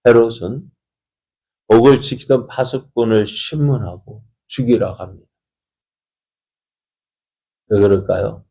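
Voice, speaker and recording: A man preaches to his congregation in a low, mellow voice. He tells the story vividly, pausing often to ask the listeners questions and briefly voicing the people in it, the way a pastor does at an early-morning service. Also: creaky, breathy edge. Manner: acts out the characters' dialogue in changing voices.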